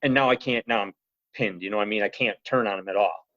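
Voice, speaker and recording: A man telling a story on a podcast in a rambling, animated way, full of "you know" and "he goes". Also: lowish voice, quick pace, no echo. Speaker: podcast guest. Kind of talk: casual storytelling. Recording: slightly muffled podcast audio.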